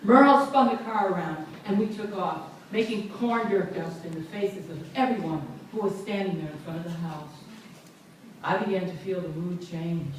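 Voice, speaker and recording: A woman reading a memoir aloud at a book launch event, with lively, amused storytelling. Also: on the low side, moderate pace, slight background noise. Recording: echoey room, far from mic.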